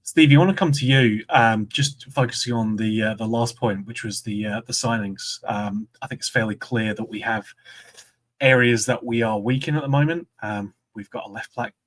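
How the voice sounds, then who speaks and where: A Scottish man hosting a football podcast, speaking in a measured way and steering the discussion with questions to his co-hosts. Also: medium pitch, poor audio. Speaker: podcast host. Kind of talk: casual football chat.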